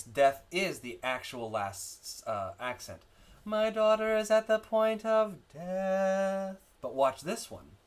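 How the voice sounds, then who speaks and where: Hesitant man teaching chant. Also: medium pitch. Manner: hesitant, many fillers and restarts; breaks into sung chant examples. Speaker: church music instructor. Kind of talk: screen-share chant tutorial.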